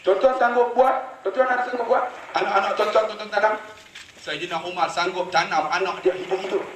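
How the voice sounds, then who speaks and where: Recorded from afar in a reverberant hall, with faint hiss or hum, a man preaches a sermon full of lively stories aimed straight at his audience. His voice sits high and moves at a brisk clip.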